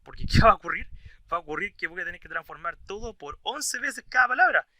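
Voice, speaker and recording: Bright-voiced male teacher. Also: high voice, big pitch swings, fast, no room sound, rough recording. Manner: explains step by step, often asks "right?" for agreement. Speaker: English teacher. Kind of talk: video grammar lesson.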